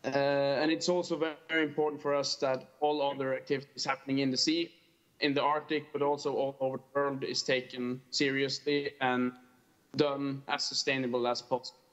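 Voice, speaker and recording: Dialing into a conference as a panel speaker, this early-20s fishing tourism operator from a tiny island in northern Norway gives an earnest, prepared presentation in a Norwegian accent. His medium-pitched voice barely moves in pitch, sounding brisk and slightly bright. The call audio is lo-fi and dull.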